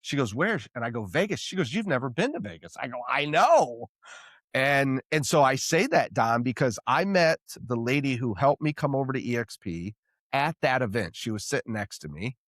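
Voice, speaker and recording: A man's voice: medium pitch, normal speed, dry recording, clean studio sound. A man hosting a podcast, telling a story in casual chat and acting out the voices in it. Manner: animated storyteller, acts out quoted voices. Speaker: podcast host.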